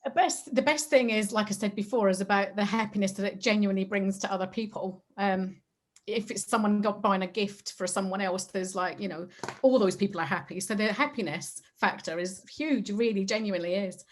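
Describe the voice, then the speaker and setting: A woman from the Highlands, talking casually and emphatically as she answers questions about her business. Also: fairly quick. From Highlands of Scotland. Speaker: franchise business owner.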